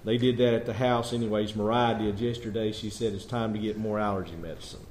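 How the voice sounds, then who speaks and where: A man leading a church service, stuffy from allergies, his voice muffled as if speaking inside a barrel, talking quietly and slowly. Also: on the low side, steady tone, a little hiss or hum. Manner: quiet, slow, soft-spoken. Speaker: pastor. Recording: dull, muffled church recording.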